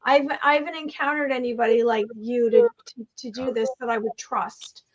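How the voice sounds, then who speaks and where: A woman's voice: a little high, steady tone, normal speed, highs cut off, crowd noise. A woman co-hosting a podcast, eager and effusive as she thanks the guest. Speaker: podcast co-host. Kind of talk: casual interview.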